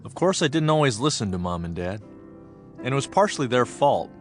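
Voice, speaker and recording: Over soft background music, an American actor with a natural, mid-range voice plays a Japanese American man looking back on his farm childhood. It's a dramatic audio theatre monologue, earnest and reflective, and his storytelling is expressive and deliberate, full of weighted pauses.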